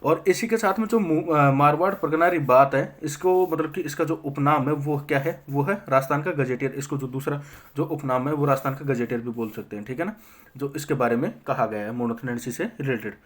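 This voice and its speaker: Speaking with a fairly high pitch, this young man teaches history to students preparing for exams. He poses rapid questions, supplies the answers himself, and repeatedly checks on his audience.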